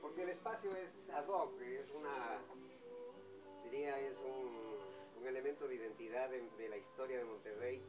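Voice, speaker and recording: A man's voice: medium pitch, moderate pace. A man in his fifties from Ecuador, a café owner, explaining at length in casual chat, emphatic and repeating himself. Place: outdoor café patio. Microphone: far camera on a table. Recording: distant outdoor mic with music behind.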